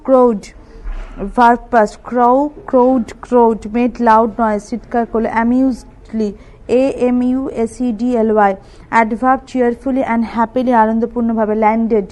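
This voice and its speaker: A woman English tutor with a Bengali accent, slowly reading a vocabulary list and spelling words out letter by letter. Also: fairly high pitch, steady tone, darkish tone, low-quality recording.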